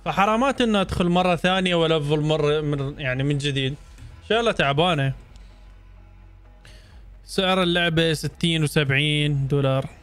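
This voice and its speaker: A man's voice: on the high side, normal speed, pauses often, a bit bright, clear, resonant tone, soft background music. A young man with an Iraqi Arabic accent, chatting casually on a live gaming stream and answering viewers' questions.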